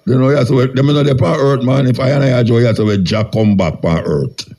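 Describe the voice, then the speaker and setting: A man's voice: medium pitch, a little fast, dark tone. A Jamaican man hosting a radio call-in in casual Rastafarian-style Patois, blunt and challenging with short questions.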